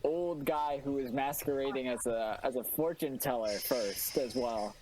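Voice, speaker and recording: A man playing a tabletop game in character, with formal, measured, courtly phrasing. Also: mid-range voice. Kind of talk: in-character role-play. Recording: faint room noise.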